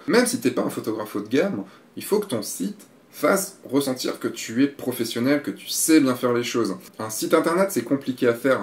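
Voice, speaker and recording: A man's voice: mid-range voice, echoey room. A man giving a frank, casual critique of a photographer's website, blunt and given to swearing.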